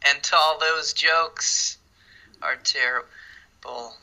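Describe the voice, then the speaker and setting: Man, podcast co-host, bright sharp voice, rambling casual chat with muttered asides. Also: fairly high pitch, steady tone, very slow, creaky, rough recording. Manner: rambling, drops to asides under his breath.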